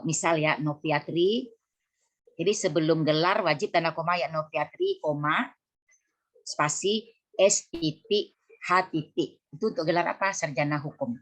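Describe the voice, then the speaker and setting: Low-pitched woman lecturer, methodical and corrective, spells things out, repeats rules. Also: a bit bright. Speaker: university lecturer. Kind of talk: class lecture on punctuation.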